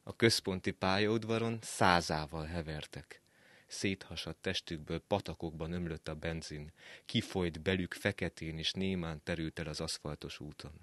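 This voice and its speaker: Low-voiced male reader for a radio story, dry close studio sound, calm and measured. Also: no echo. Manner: measured, calm storytelling with soft dropped endings. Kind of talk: scripted narration.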